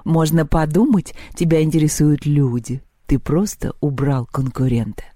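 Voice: mid-range voice, fairly even intonation, normal speed, dark tone, dry recording, clean studio sound, close to an everyday voice. Reader doing mocking villainess Poliandra. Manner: mocking, giggling, sarcastic. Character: scheming ancient female villain Koschei.

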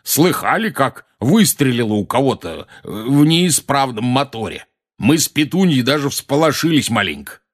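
A man voicing a bellowing, furious middle-aged uncle in an audiobook, hoarse and blustering. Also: medium pitch, sing-song, normal speed, pitched above the performer's own voice. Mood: falsely cheerful. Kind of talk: audiobook character voice.

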